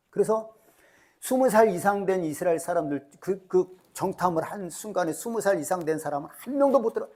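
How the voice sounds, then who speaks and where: A middle-aged man gives a sermon as pastor. His voice sits a little high but sounds warm and mellow. He keeps asking the listeners questions and voices the quoted lines with emphatic force. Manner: emphatic preaching with rhetorical questions and dramatized quotes.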